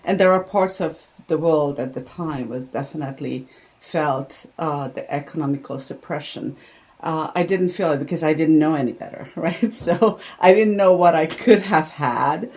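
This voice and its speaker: An older woman with a Hungarian accent, a podcast guest telling her life story in a warm, reflective way. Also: sits low, normal speed. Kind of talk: podcast interview.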